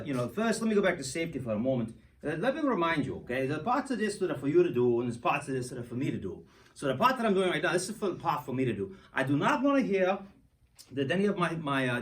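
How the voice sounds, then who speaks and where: A man's voice: fairly high pitch, distant mic, low-quality recording. Playful man explaining science, off-mic. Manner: playful, jokey, rambling with restarts. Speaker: science show host. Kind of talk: goofy hands-on science demo for kids.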